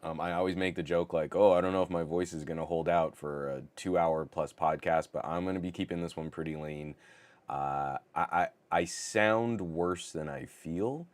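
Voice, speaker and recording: A middle-aged man hosts a live tech chat show while sick, his voice scratchy and rough. He speaks in a deep, low register, bursting with over-the-top enthusiasm and tripping over quick restarts. The sound is close and dry, with no trace of room echo. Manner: over-the-top, excitable delivery with stammered restarts. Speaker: host of a live tech podcast. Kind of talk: casual live-stream chat.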